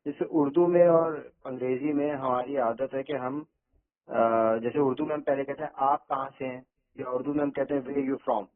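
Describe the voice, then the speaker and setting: A man attending an online class as a student, asking hesitant questions with pauses and restarts. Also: mid-range voice, fairly even intonation. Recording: tinny online call audio.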